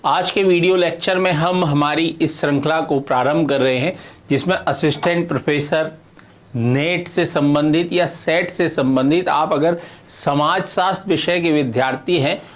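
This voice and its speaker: A man's voice: on the high side, normal speed. A middle-aged man teaching sociology in a video lecture, explaining step by step and checking often that students follow. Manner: explains with repeated checks like "है ना" and "clear है".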